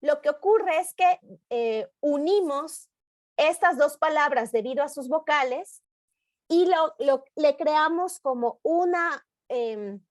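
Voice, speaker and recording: A woman teacher with a high voice gives an online poetry lesson, explaining patiently and slowing down to read verses aloud. The sound is dry and close, with no room echo, as on a video call. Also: expressive. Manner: patient explanatory tone, reading poem lines aloud slowly.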